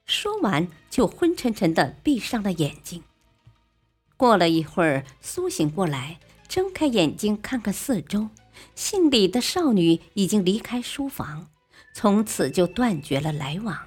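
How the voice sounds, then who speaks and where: A woman narrating a classic tale in an expressive, lively way. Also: medium pitch, unhurried, slightly rough. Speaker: storyteller. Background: faint music.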